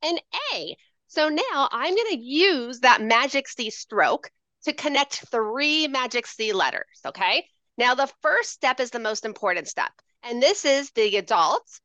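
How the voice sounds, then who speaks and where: A woman educator giving a playful, animated handwriting demonstration over a video call, calling out strokes in a sing-song teacher voice. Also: high-pitched, unhurried, no room sound.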